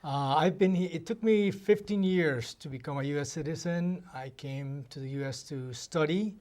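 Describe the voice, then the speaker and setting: A man from Colombia answers questions on a live TV interview. His voice is fairly high for a man, and he speaks haltingly, restarting his sentences as he gathers his thoughts. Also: darkish tone. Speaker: newly elected trustee guest.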